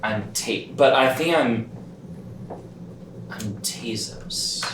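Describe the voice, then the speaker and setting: A man's voice: medium pitch, extremely slow, fairly bright tone, distant mic. A man playing a tabletop game, joking and impulsive in casual improvised role-play. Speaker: player. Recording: echoey room away from the mic, faint noise.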